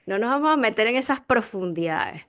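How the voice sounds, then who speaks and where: A woman's voice: a little high, a little fast. A young adult woman with a Venezuelan accent, hosting a podcast in chatty, giggly conversation. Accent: Venezuelan Spanish. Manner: chatty, giggly, animated storyteller. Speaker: podcast host. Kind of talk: casual chat.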